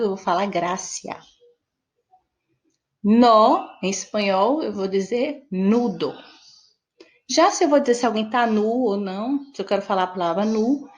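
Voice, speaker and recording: A woman with a Brazilian Portuguese accent teaching a Spanish vocabulary lesson, explaining patiently and checking in with her listeners. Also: medium pitch. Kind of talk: online lesson.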